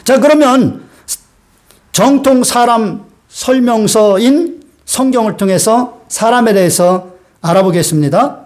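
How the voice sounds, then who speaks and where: A man with a high-pitched voice preaching a sermon. He talks in an easy, storytelling way, dropping frequent "uh" fillers as he goes. He puts questions to his congregation and has them repeat lines back. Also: a little slow, darkish tone. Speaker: pastor.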